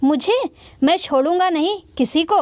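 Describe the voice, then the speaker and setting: A woman doing a livid bride's father, storybook, shouting accusations. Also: very high-pitched, moderate pace, no room sound. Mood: angry. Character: furious middle-aged father of the bride.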